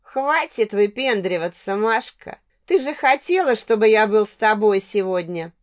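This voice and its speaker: A woman's voice: mid-range voice, expressive, unhurried, close to an everyday voice. A woman voicing a drunk, aggressive young man who taunts his ex-girlfriend, in an audiobook. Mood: taunting. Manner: taunting, sneering.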